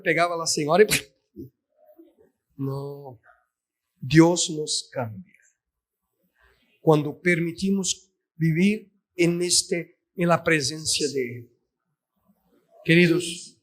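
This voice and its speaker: Male preacher, high voice, emphatic sermon delivery. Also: slow pace, long pauses. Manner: emphatic, addresses listeners as "queridos". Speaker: pastor.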